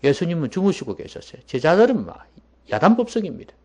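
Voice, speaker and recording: Korean man preaching, lively rising and falling. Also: a little high, fast talker. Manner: emphatic, dropping to hushed asides. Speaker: pastor. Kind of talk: sermon. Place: church.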